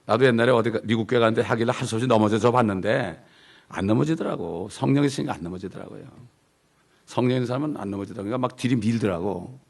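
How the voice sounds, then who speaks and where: Middle-aged male pastor, gravelly, emphatic sermon delivery with repeated English phrases. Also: mid-range voice, very fast.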